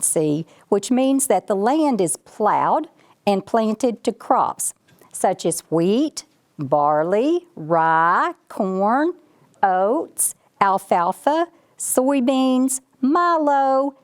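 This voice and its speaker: A woman reads the part of a self-important ranch dog from a children's storybook, taking her time. Her heavily acted delivery swings widely in pitch as the dog brags and explains things in a folksy, chatty way, speaking directly to the listener.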